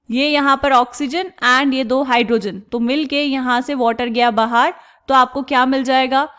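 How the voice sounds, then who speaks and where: A woman explains chemistry reactions step by step in a clear, smooth, high voice. She keeps asking the class questions and answering them herself, and stretches out each technical term slowly. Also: a bit bright. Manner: slows down and stretches out technical terms. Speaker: chemistry teacher.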